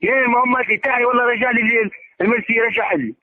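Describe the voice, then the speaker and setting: High-pitched, rapid-fire Algerian man arguing by phone. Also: fairly even intonation. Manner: exasperated, insistent, combative. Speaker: caller demanding repayment of a debt. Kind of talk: heated argument over the phone. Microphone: telephone. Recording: tinny, band-limited phone line.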